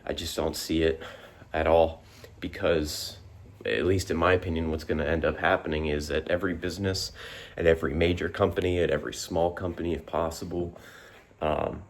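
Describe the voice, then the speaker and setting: A man's voice: extremely low pitch, flat delivery, fairly quick, slight background noise. A man giving a casual, rambling opinion monologue to the camera, full of fillers and restarts, a bit out of breath after exercise. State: out of breath after push-ups. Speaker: vlogger.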